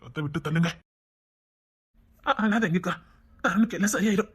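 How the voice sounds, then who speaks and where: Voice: medium pitch, normal speed, husky. A performer playing an earnest village man with a Tirunelveli Tamil accent, reassuring his aunt and muttering asides in a comedy skit. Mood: consoling.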